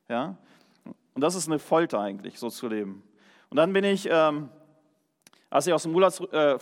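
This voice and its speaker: A man preaching a sermon and sharing a personal testimony, speaking earnestly and emphatically, often checking in with his listeners with a quick "Ja?". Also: a little high. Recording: long hall reverb.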